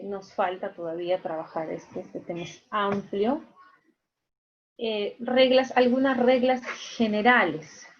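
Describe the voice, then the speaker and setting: Woman teacher, higher voice, patient and repetitive, dull video-call sound. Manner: patient, repeats key points with checking tags. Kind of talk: online class lecture. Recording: muffled video-call audio.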